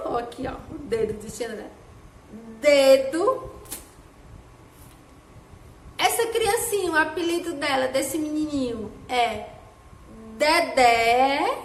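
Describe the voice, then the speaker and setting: A woman teacher giving a children's phonics lesson, sounding out each syllable slowly in a sing-song way. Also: high-pitched, expressive. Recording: echoey room with faint background noise.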